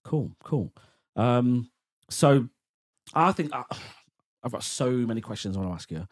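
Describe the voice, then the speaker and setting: A man's voice: mid-range voice, lively intonation, unhurried. A man hosting a podcast, chatty and friendly with lots of fillers as he leads the talk. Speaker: podcast host. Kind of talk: casual chat.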